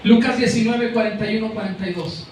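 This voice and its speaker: A male pastor with a Mexican Spanish accent preaches in a church hall, addressing his congregation directly and calling out names, and he repeats words while searching for the right ones. His voice is high, fast, and darkish, with a slight hiss or hum, and it sounds far off in a very echoey room.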